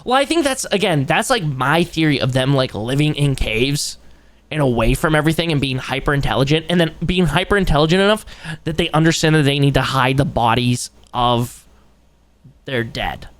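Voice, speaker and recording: Male streamer, frat-bro talk, casual reactions, very lively and varied intonation, loose swearing. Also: fairly high pitch, moderate pace, no echo.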